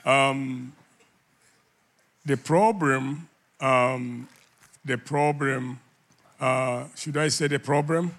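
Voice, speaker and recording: Older man from uganda, slow unhurried storytelling, bright voice, animated, laughs often. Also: medium pitch. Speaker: guest, ministry leader. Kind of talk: storytelling in an interview.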